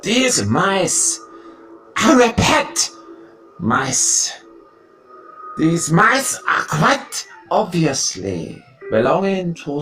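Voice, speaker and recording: A woman's voice: fairly low pitch, a bit bright, heavily acted. A woman voicing a cruel, imperious witch leader who barks orders in broken, foreign-sounding grammar.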